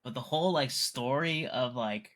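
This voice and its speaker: Bright-voiced man rambling about films. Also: medium pitch, moderate pace. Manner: rambling, many fillers and restarts, laughs often. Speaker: podcast co-host. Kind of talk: casual film discussion.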